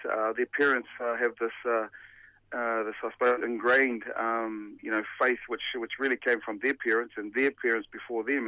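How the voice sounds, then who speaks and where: Poor audio without echo carries a man's mid-range, sharp-toned voice. He's a New Zealand-born-and-raised pastor in his forties who once played rugby, giving considered answers in a radio interview full of fillers and restarts.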